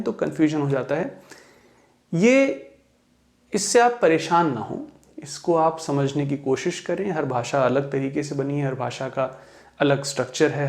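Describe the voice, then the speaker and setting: A man from India gives a patient pronunciation lesson in Hindi. His fairly high voice carries a gravelly edge. He slows right down to spell words letter by letter and repeat model sentences in English. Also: darkish tone. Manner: patient, encouraging explanation.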